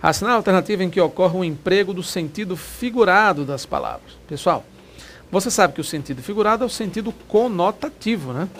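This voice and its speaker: A man teaching a recorded grammar lesson for exam prep, lively, and always asking the viewer questions. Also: sits high, fast talker, a little hiss or hum.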